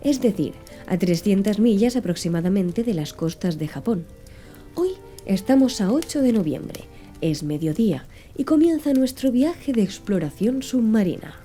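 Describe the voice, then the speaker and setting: A woman voicing a cool, courteous male submarine captain, speaking in a formal, precise way and pitched a little higher than her own narration, with a very dark, mellow tone and soft music underneath. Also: lively intonation, normal speed, natural voice. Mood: composed, formal.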